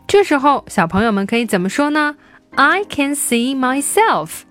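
A woman leads a children's English lesson. Her voice sits fairly high and moves a lot in pitch. She stretches words out slowly so young learners can repeat them. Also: big pitch swings, a bit bright, soft background music. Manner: slow, drawn-out repetition of English words for children to follow.

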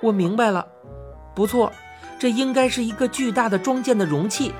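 A woman narrating a children's fantasy story as an audiobook, expressive and rising to cries in excited passages. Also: on the high side, moderate pace, soft background music.

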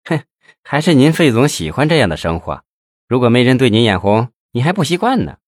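A man voicing a confident, blunt businesswoman who teases her host with sharp, mocking frankness. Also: mid-range voice, big pitch swings, brisk, no echo, clean studio sound. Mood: teasing. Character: confident businesswoman, company chairwoman, teasing and blunt.

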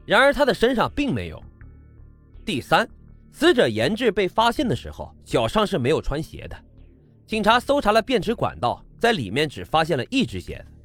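A male true crime narrator with a slightly high voice. His delivery is highly animated, rising and falling sharply as he tells the story in a colloquial way and poses rhetorical questions. Faint music plays behind him. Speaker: true crime podcast host.

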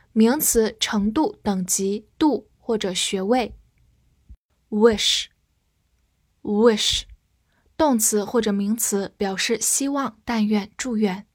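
A woman teaching a vocabulary review lesson, repeating each English word twice before giving its meanings in a slow, deliberate way. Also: mid-range voice, a little mellow, no room sound, studio quality.

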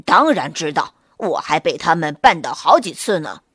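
Woman putting on a gruff hungry big bad wolf. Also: low voice, very animated, no room sound, clean studio sound, pitched below the performer's own voice, heavily acted. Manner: loud, blustering, slow to catch on. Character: big hungry male gray wolf, gruff but gullible.

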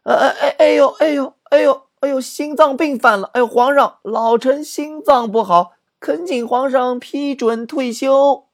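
A man doing a whiny old general, loud and high, groaning and wailing, storytelling skit. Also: unhurried, hardly any pauses. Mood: whining. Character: whining old male general feigning illness.

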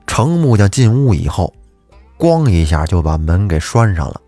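A man narrating a folk ghost story on a podcast in a chatty, lively way, with asides to his listeners. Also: deep voice, normal speed, no room sound, soft background music.

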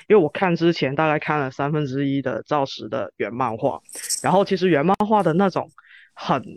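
A man's voice: on the high side, no echo. A man with chatting casually and informally about film as a podcast host. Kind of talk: casual film discussion chat. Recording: dull lo-fi sound, music behind.

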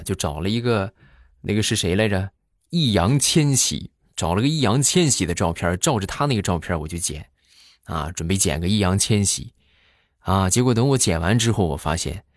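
A man's voice: fairly low pitch, no echo, studio quality. A man performing a stand-up comedy monologue, telling stories with jokey asides and rhetorical questions.

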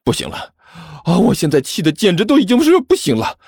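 A man's voice: high voice, brisk, vocal fry, no room sound, voice pushed up, heavily acted. Man doing a cowardly fawning martial-brother guy, huffs and puffs with fake outrage, stammers when cornered, voice jumping all over, dry close sound, music behind. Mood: blustering. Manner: over-the-top mock indignation, nervous stammering and flattery. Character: cowardly, fawning young male senior martial brother, full of glib excuses. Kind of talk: audiobook character voice.

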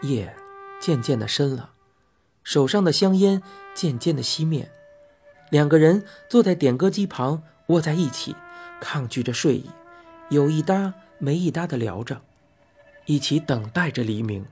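A man narrating a novel as an audiobook in a soft, unhurried, intimate way. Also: fairly high pitch, animated, faint music behind. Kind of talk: scripted narration.

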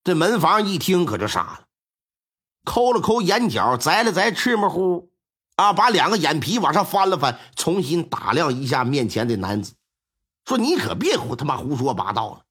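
A male storyteller narrates in a folksy, lively manner. His voice sits high and husky. His pitch leaps around with great animation. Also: normal speed. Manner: colloquial, lively. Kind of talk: storytelling performance.

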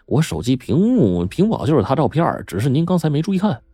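Stammering scared teen nephew, as a male storyteller puts him on, high and husky, pleading, sly. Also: wildly swooping pitch, a little fast, warm tone, no room sound, clean studio sound, faint music behind, full character voice. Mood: nervous.

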